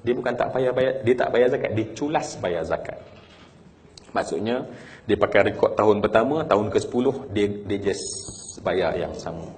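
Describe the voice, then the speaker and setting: A man with a Malaysian Malay accent preaching a sermon through a story, swinging from hushed telling to emotional crying out. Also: on the low side, expressive, normal speed, slight background noise.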